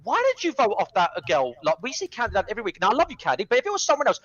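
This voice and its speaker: A brash man jeers at another panelist in a podcast debate. His voice is very high and sharp, and his words come fast. The audio is dull and lo-fi. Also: huge pitch swings. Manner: brash, mocking, swears a lot. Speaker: podcast guest. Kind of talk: heated panel argument. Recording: dull lo-fi mic.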